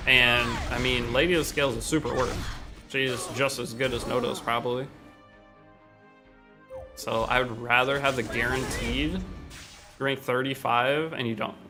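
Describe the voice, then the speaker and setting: A man streams a game from home, his voice gravelly at an average pitch. He rambles through viewers' questions in a relaxed, slangy way. Game music plays clearly behind him. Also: normal speed, pauses often. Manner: reads and answers chat questions offhandedly. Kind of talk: casual livestream chat.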